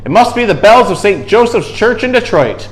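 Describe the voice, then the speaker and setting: A man performs a jolly old Santa from a children's storybook. The voice is raised high and very animated, hearty and full of bluster, exclaiming each line. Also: moderate pace. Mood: cheerful, reassuring.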